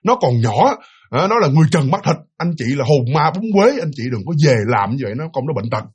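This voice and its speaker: A man voicing a tearful old grandmother who pleads haltingly. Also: a little high, big pitch swings, breathy edge, heavily acted. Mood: protective. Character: tearful pleading grandmother, older adoptive mother.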